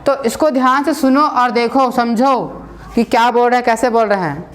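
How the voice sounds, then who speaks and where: A woman's voice: fairly high pitch, normal speed. A woman teaching a spoken English class in a casual, repetitive way, often checking with her listeners and mixing English words into her talk.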